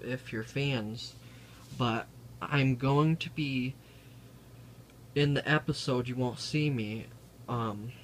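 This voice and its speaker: A man doing a deadpan comic vlog monologue, halting and full of ums. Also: medium pitch, a little hiss or hum, rough recording. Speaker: vlogger.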